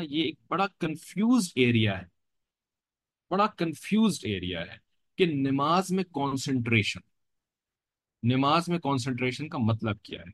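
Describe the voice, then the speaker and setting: A man's voice: a little high, dry recording. Dry-voiced man teaching a sermon. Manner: explanatory, repeats phrases, frequent "theek hai" check-ins. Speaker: religious teacher. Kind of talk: Islamic sermon lecture.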